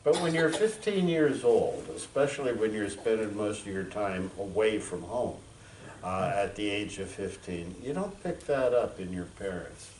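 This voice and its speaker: A man in his seventies, a veteran, giving a frank, reflective talk to an audience with many pauses and fillers. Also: lowish voice, animated, darkish tone, distant mic, slight background noise. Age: 70s. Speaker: veteran speaker. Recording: echoey room, voice from afar.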